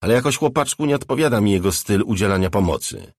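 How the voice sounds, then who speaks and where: A man's voice: lowish voice, animated, fast, no echo, clean studio sound. A man reading a sardonic, cocky rich man. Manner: sarcastic, blunt, probing questions. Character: cocky sardonic wealthy man, barefoot, sipping cognac.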